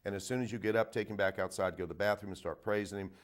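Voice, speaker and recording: Folksy low-voiced vet host. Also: male voice, fairly even intonation, very fast. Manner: folksy, repeats himself, frequent "okay?" and "uh". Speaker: veterinarian radio host taking calls. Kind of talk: casual call-in advice. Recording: phone-in radio.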